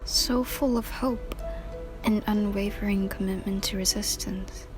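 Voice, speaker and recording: Slow-paced, slangy young woman gaming. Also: medium pitch, fairly even intonation, over music. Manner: reactive, slangy. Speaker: video game streamer. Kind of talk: casual reaction commentary while playing.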